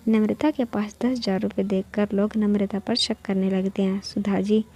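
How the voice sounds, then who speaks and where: A woman narrating a moral story in a steady, matter-of-fact scripted reading. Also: medium pitch, moderate pace.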